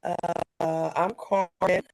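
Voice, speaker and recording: A woman joining a casual video call as a player in an online party game, talking in a nervous, halting way over a bad connection that keeps cutting her voice in and out. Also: fairly low pitch, little pitch movement. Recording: choppy noisy video-call audio.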